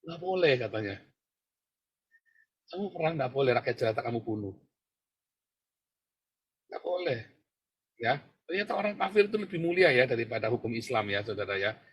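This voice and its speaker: Husky-voiced man preaching a mocking sermon. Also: big pitch swings, normal speed, pauses often. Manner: constantly addresses listeners as brothers; leaps between shouting and low murmurs. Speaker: pastor.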